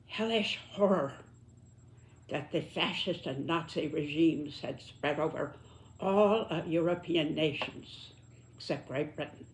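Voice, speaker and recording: Very old woman speaking slowly and solemnly. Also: on the low side, a little mellow. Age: 90s. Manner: solemn, deliberate, emphatic phrasing. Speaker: elderly commentator reflecting on history and politics. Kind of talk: reflective spoken commentary to listeners.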